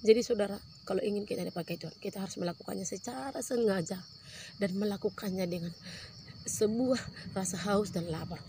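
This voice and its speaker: A woman's voice: medium pitch, brisk, dark tone, slight background noise. A woman giving an earnest testimony in a sermon, often turning to address the congregation.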